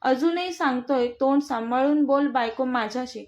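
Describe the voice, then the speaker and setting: A woman's voice: sits high, normal speed, darkish tone, lightly acted. A woman voicing a brash, teasing young husband in a storybook reading, with a mocking, bossy manner. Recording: dull lo-fi recording.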